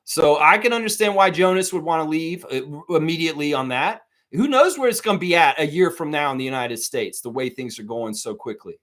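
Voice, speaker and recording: A man's voice: fairly high pitch, expressive, a little fast, hardly any pauses, fairly bright tone. A man hosting a live sports talk stream, ranting heatedly and swearing a lot while speaking straight to his viewers. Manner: profane, heated, repetitive ranting; addresses viewers directly.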